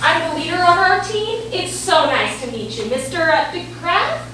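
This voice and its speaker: Woman acting high-voiced brash doctor in echoey room. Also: sing-song, moderate pace, sharp tone, heavily acted. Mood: strained politeness. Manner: theatrical, emphatic, switching to stiff medical jargon. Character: brash, foul-mouthed woman oncologist, evasive and clinical with patients. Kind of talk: staged play reading. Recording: very echoey room, distant mic, faint noise.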